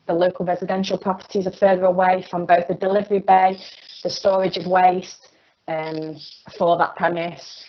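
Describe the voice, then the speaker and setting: A woman's voice: on the low side, a little mellow. A woman speaking as a local resident, giving an earnest formal statement to a committee with many fillers. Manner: earnest, halting with frequent fillers. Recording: dull online call audio.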